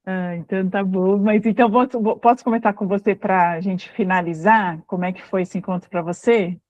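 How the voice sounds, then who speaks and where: A woman's voice: mid-range voice, steady tone, normal speed, a little mellow, dry recording, lo-fi sound. Woman hosting a book club call. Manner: friendly, guiding the group to a close. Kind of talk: moderating a group video call.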